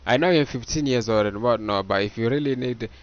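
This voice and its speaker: A man's voice: medium pitch, brisk, muffled recording, slight background noise. A young man from Botswana giving casual reaction commentary, loose and slangy, calling everyone "bro".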